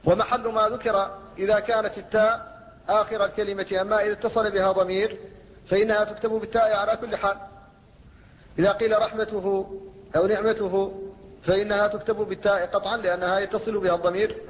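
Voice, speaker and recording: A man gives a classical lecture on Quran recitation, explaining point by point and quoting verses. His voice sits high and stays flat and even. The recording is dull and lo-fi, with a long reverberant tail. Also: quick pace. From Mauritania. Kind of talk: classical Arabic lecture on tajweed.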